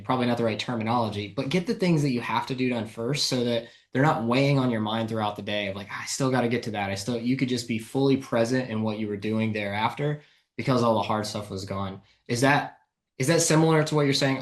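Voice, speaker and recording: A man hosts the conversation in an ordinary mid-range voice. He talks casually, thinking aloud and sharing his own experience before he lands on a follow-up question. His speech is loose and conversational. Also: medium pitch. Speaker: host, interviewer. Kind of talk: conversational interview.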